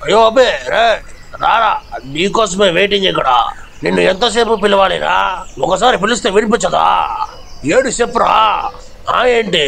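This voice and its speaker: A man's voice: sits high, lively intonation, moderate pace, gravelly, a bit bright, full character voice. A man voicing a boastful male zombie bully in a cartoon, taunting and daring his foe to fight. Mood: mocking. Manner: taunting, calls challenges. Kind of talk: cartoon voice acting.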